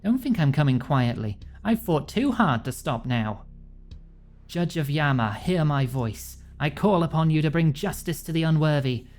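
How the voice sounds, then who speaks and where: A man's voice: fairly high pitch, expressive, moderate pace, darkish tone, lightly acted. A man voicing a bitter, defiant woman conspirator from a video game, accusing and dramatic. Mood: defiant, invoking. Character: bitter, defiant betrayed woman conspirator invoking a demon judge. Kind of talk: video game dialogue read aloud. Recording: music behind the voice.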